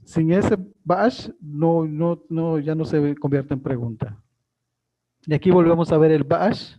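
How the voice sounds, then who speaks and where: A male teacher explains a live online class, pausing often with fillers and restarts. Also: on the high side, mellow, poor audio.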